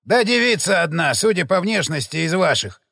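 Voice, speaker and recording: A man's voice: sits high, sing-song, moderate pace, bright, forceful tone, no room sound, studio quality, heavily acted. A man voicing a grumpy, swearing older bearded innkeeper in an audiobook. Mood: gruff. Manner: gruff, snapping and swearing.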